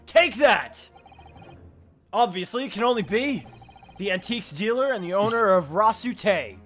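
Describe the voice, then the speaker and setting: A man's voice: high voice, expressive, unhurried, a bit bright, faint music behind, voice pushed up. A man playing an earnest defendant arguing his case in a courtroom game, emphatic and determined.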